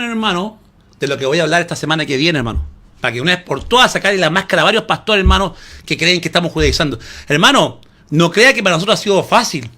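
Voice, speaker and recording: This pastor's voice is high-pitched and sharp as he delivers an emphatic sermon. He repeatedly addresses his listeners as "hermano" and fires rhetorical questions at them.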